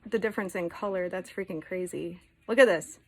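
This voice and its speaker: A woman's voice: on the low side, brisk, gravelly, rough recording. Female vlogger, casual show-and-tell delivery, chatty and blunt, drops the odd swear.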